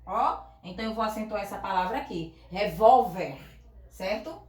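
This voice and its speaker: A woman teaching a grammar lesson to a class. She explains slowly and patiently and often checks that the students are following. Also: medium pitch, animated, echoey room.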